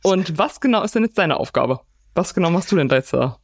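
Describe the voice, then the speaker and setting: A woman's voice: lowish voice, lively intonation, fairly quick. A young woman hosting a casual interview, upbeat, asking questions and praising her guest with lots of repeats. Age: young adult. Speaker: host, interviewer.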